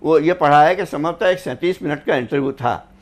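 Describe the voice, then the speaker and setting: A man speaking as a panelist on a studio news discussion, a former government officer who talks in a measured, reflective way and likes to quote couplets and sayings. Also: on the high side.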